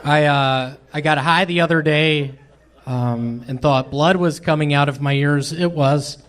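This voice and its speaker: A male stand-up comedian from Memphis, telling absurd jokes in a halting, deadpan way with many pauses. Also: on the high side, crowd noise. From Memphis, Tennessee.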